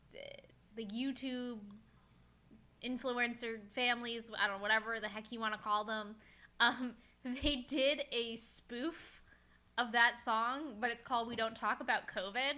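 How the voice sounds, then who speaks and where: A woman's voice: on the high side, bright, forceful tone. A woman co-hosting a casual chat show, talking loosely with lots of fillers and swearing. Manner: chatty, swears, many fillers. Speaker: podcast co-host.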